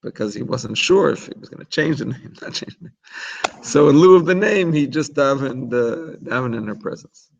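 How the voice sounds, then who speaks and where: A man's voice: medium pitch, a little fast, gravelly, few pauses, dull audio. A man teaching an informal religious class in a chatty, explanatory way, often restarting his sentences. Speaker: Torah teacher.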